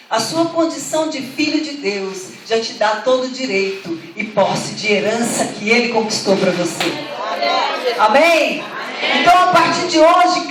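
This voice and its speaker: A middle-aged woman pastor, preaching a fervent sermon that rises to emphatic calls to the congregation. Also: sits high. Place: church hall. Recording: echoey hall from far off.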